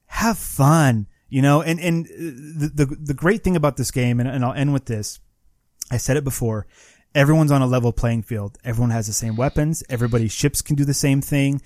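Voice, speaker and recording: A man's voice: mid-range voice, normal speed, a little mellow, no room sound, studio quality. A man co-hosting a gaming podcast, telling a long story in casual chat and acting out the other players' lines. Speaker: podcast co-host.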